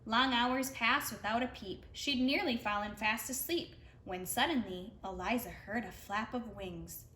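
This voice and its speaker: Reading expressively to preschoolers from a rhyming picture book, a woman speaks in a slightly high, sharp-toned voice at a measured pace. The sound is roomy, and faint noise sits in the background.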